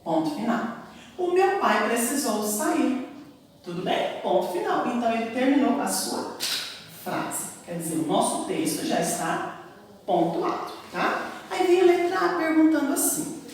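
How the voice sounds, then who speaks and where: Lively Brazilian woman teacher, echoey room. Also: on the high side, normal speed, slight background noise. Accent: Brazilian Portuguese. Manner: sing-song, emphatic teacher intonation with frequent "tá?" checks. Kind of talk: classroom lesson for children. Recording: echoey room, recorded from a distance.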